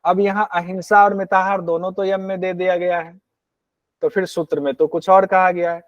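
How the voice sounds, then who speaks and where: Male yoga teacher, a bit high-pitched, lecturing on old texts; dull, dry, muffled recording. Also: little pitch movement, no echo. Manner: slow measured Sanskrit recitation, then explains in plain talk; asks and answers his own questions. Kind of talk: exam-prep lecture on a yoga text.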